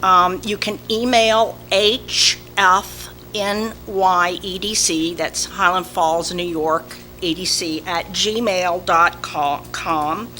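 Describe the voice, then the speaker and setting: A woman with a slow Southern drawl, reading a prepared announcement as a community volunteer at a public meeting. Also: on the low side, fairly even intonation, sharp tone. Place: indoor village board meeting. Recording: noisy public meeting room recording.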